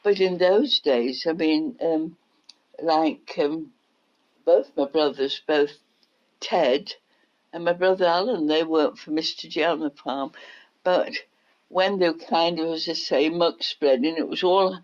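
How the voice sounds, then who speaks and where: An older woman, reminiscing in an oral history interview as an unhurried storyteller. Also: sits low. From England. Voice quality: unhurried storyteller, acts out quotes. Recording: dull lo-fi recording.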